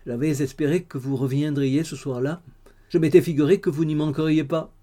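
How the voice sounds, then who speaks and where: A man's voice: a little high, steady tone, brisk, dark tone, close to an everyday voice. A man reading the lines of a tearful, ardent young woman in an audiobook, with fervent, sobbing pleas. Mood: tearful, pleading.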